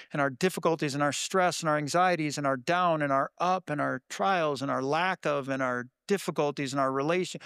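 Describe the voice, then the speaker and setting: A man preaching a sermon in an earnest, conversational way, his voice sometimes jumping up with excitement. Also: fairly high pitch, clean tone, no echo, studio quality. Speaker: pastor.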